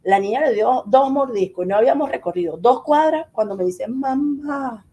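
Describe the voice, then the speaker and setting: Middle-aged woman, interview guest; animated storyteller, higher voice, breathy and soft-toned. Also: a little fast. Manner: animated, acts out quoted dialogue.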